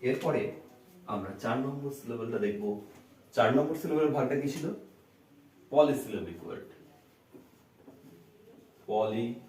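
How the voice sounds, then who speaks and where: A man teaching an English grammar lesson, breaking words slowly into syllables and answering his own questions to the class. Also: medium pitch, expressive, darkish tone, slight background noise. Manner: asks the class questions and answers them himself. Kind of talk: classroom lecture. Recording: roomy echo, voice from a distance.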